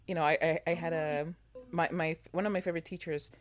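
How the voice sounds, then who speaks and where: Chatty low-voiced woman. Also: fast. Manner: animated, many fillers and restarts. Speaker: podcast co-host. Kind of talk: casual chat about a TV show.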